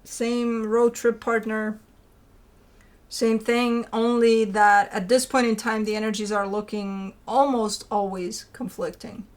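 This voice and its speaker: Hosting her own tarot reading show, a woman rambles informally and emphatically, repeating phrases and posing rhetorical questions to the listener. Her fairly high voice stays steady, and she takes her time.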